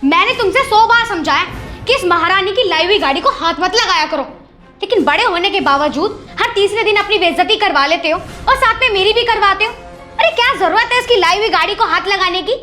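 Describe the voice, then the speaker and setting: An actress playing a resentful elder sister-in-law who complains sarcastically and taunts, in a scripted family comedy scene. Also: female voice, extremely high pitch, lively intonation, a little fast, pushed and bright, faint music behind, exaggerated voice. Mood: taunting. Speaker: actor in a family comedy skit.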